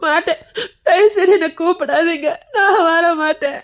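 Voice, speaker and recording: A middle-aged woman sobs and wails in exaggerated grief, played by a woman in a comic skit. She has a Tirunelveli Tamil accent and a very high voice. Her crying lament is melodramatic and theatrical. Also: moderate pace. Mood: wailing. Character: middle-aged woman wailing over her departing friend.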